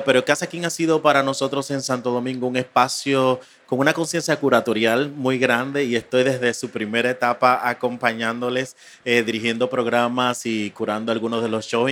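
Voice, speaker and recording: Measured man answering on a panel. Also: mid-range voice, steady tone, fairly bright tone, slight background noise. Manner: measured, with frequent hesitations. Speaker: curator, panel guest. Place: live panel at an art fair.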